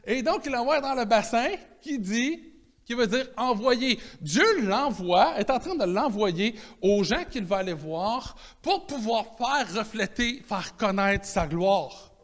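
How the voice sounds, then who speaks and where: A man with a Quebec French accent preaching a sermon in a conversational, animated way, restarting his phrases often. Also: sits high, takes it slowly. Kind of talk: sermon teaching.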